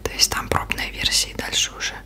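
Female ASMR creator, soft unvoiced whisper throughout, informal show-and-tell delivery, close-miked. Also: fast. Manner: informal, loose, thinking aloud.

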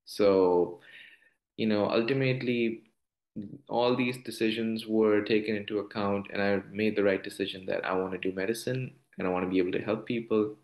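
Steady and lowish with a darkish tone, this voice belongs to a Pakistani-accented doctor in his twenties, talking at a moderate pace. Joining an interview by video call from a small room in his home, he answers earnestly, leaning on "you know" fillers, and the echo of the room comes through.

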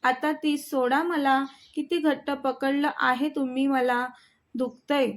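A woman's voice: high voice, fairly even intonation, slow pace. A woman voicing an angry young wife.

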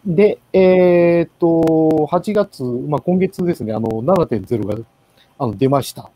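A man giving a casual presentation in an online meeting, with many pauses and fillers. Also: on the high side, mellow, no echo, rough recording. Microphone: video call.

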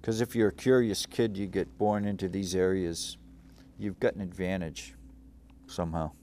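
There's a little hiss or hum as this middle-aged Cape Cod, Massachusetts host speaks, his low, dark voice steady and moderately paced. At his studio desk he meanders through reflective local-history memories, leaning on fillers and frequent restarts.

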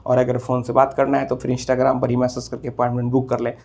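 This legal advice video host, an Indian man in his thirties, talks fast and in a monotone, explaining legal matters to camera one step at a time from a small indoor office room. The voice is husky, mid-pitched and a little mellow, barely moving melodically, and he keeps looping back over what he has just said.

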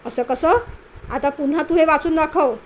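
A woman's voice: sits high, normal speed, a little hiss or hum, close to an everyday voice. A woman voicing a stern young husband who scolds and mocks his wife while tutoring her. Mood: scolding. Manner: scolding, impatient, mocking.

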